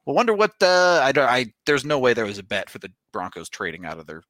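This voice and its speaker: A man's voice: medium pitch, huge pitch swings, quick pace, fairly bright tone, no echo, clean studio sound. An American man hosting a sports podcast, chatting informally and reading out sponsor spots in a casual way. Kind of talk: casual sports talk and ad reads.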